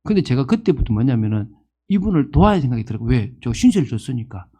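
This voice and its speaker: A man's voice: medium pitch, sing-song, fast, mellow, breathy edge. A man in his fifties preaching a sermon as pastor, asking the congregation questions and acting out the people he quotes. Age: 50s.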